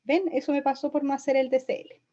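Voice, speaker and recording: A young woman lectures on physics with a slightly high voice, explaining each step patiently and checking in with "¿sí?" every few lines. Her recording sounds dull and a bit lo-fi, like a home lesson video. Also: flat delivery, fast, warm tone. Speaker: physics teacher.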